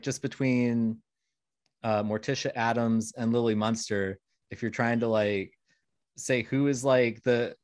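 A man's voice: mid-range voice, dry recording, studio quality. A man hosting a casual podcast interview, asking questions and chatting with many hesitations. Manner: chatty, hesitant with fillers, laughs easily. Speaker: podcast host.

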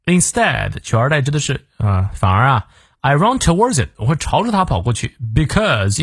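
A man's voice: medium pitch, breathy edge, no echo, studio quality. A man hosting a short daily English lesson, reading a quote and explaining it phrase by phrase. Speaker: English teacher.

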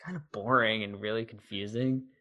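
A young man co-hosting an audio podcast, chatting casually and often trailing off quietly. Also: on the low side, steady tone, moderate pace. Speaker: podcast co-host. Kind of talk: casual chat. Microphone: audio-only podcast mic.

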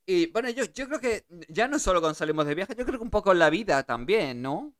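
A woman's voice: lowish voice, very animated, brisk. A woman hosting a radio show, chatting casually with a guest and laughing easily. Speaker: radio host.

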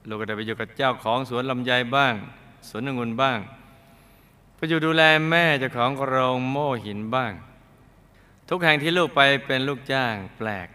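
A man's voice: mid-range voice, normal speed, sharp tone, smooth. A man telling a dramatic true-life karma story as a host, with playful asides.

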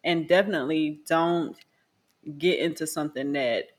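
A young woman with a notably low voice, co-hosting a podcast over a video call. She talks frankly and loosely, dropping fillers and laughing along as she gives advice. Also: normal speed. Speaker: podcast co-host. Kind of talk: casual podcast chat.

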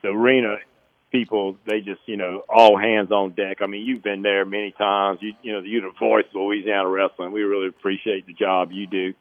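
A man's voice: lowish voice, level tone, brisk, no echo. A man talking as a casual, folksy, appreciative interview guest. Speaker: interview guest, event co-director. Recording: tinny narrow phone line.

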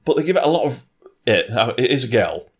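A man reviews films and games in a two-person discussion, chatting casually with wry, opinionated takes, some swearing, and mock voices while he rants. His mid-range voice has big pitch swings, and he talks fairly quickly.

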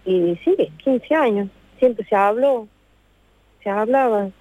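A woman's voice: a little high, dark tone, no echo. A woman in her thirties with an Argentine accent, telling her story on a radio show in a distraught way and repeating herself. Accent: Argentine Spanish. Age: 30s. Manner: distraught, repeats herself, talks in long rushed runs. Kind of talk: emotional phone interview. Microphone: phone. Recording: dry tinny phone line.

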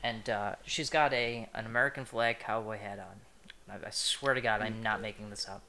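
A young man with a bright, forward voice tells a long, rambling story on a casual podcast. He swears freely, circles back and repeats himself as he goes. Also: lowish voice, fairly even intonation, moderate pace. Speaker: podcast co-host.

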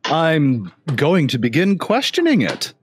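A man's voice: fairly high pitch, huge pitch swings, measured pace, a little hiss or hum. A man playing a tabletop game, joking wryly about his dice rolls. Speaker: player. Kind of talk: casual tabletop play.

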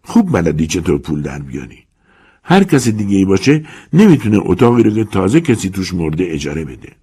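A man doing a hushed, gossipy servant woman. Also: sits low, sing-song, exaggerated voice. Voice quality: hushed, husky. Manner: slow, conspiratorial. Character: older servant woman, gossipy, admiring, secretive.

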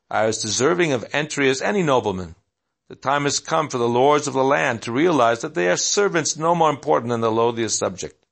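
Guy reading a bossy proud king, gravelly, just giving orders. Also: medium pitch, fairly bright tone. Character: proud absolute male king.

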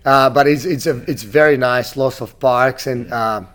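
A man's voice: mid-range voice, normal speed, a bit bright. A man from Brazil in his thirties, a gym owner being interviewed, talking casually with many restarts and fillers.

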